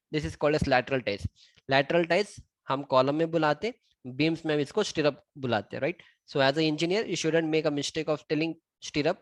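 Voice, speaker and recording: A man's voice: fairly high pitch, no echo. Man, Indian accent, engineering tutor, code-switching, counting aloud, dry sound. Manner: mixes Hindi and English, counts items aloud while pointing. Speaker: civil engineering instructor. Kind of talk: screen-recorded drawing tutorial.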